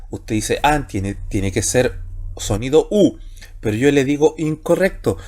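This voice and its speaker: Male teacher, slightly high voice with lively pitch, patient explainer who slows down on key terms. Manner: explains slowly, stretching key words, with frequent checking tags. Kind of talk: recorded online class lecture.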